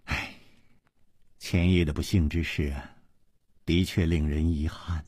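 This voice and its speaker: A man putting on a frail, elegant noble consort, all hushed softness. Her voice sinks low and husky, drawn out slowly like a sigh in a storybook tale. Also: steady tone, no echo, studio quality, heavily acted. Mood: gentle. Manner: soft, slow and hushed. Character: frail graceful noble consort, soft and gentle.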